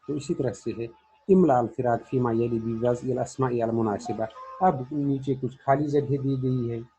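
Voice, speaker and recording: Male language teacher, warm and slightly raspy, methodical question-and-answer drilling. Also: mid-range voice, steady tone, moderate pace, rough recording. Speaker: Arabic grammar teacher. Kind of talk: classroom grammar lesson.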